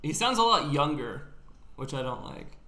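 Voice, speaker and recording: A man's voice: on the high side, sing-song, moderate pace, sharp tone. A young man co-hosting a casual podcast chat, blunt and opinionated, arguing his points. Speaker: podcast co-host. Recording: echoey room.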